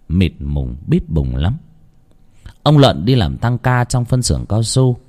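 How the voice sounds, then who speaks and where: A man narrating a ghost story in a dramatic, hushed storytelling manner. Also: fairly low pitch.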